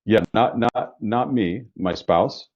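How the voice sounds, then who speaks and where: In a casual interview, a New York–area insurance business founder talks at a slow pace in a deep voice. He's relaxed and chatty, frequently restarting, and the lo-fi recording has no echo.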